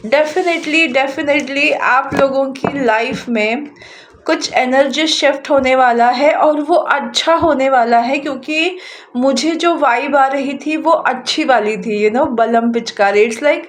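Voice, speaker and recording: High-voiced, unhurried woman tarot reader. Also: a little hiss or hum. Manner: chatty, breaks into laughter, slowly reads card messages aloud. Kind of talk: casual tarot card reading.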